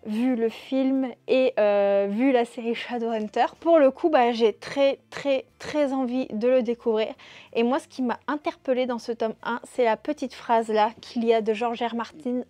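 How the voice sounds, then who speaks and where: A chatty young woman with a fairly high voice talks casually about books, pausing often to hesitate. The sound is dry and close, with no room echo. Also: mellow. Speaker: book YouTuber.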